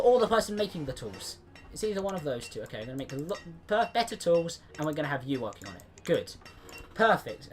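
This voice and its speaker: A man giving casual let's-play commentary, chatty and rambling, often restarting his sentences. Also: on the high side. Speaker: gameplay commentator.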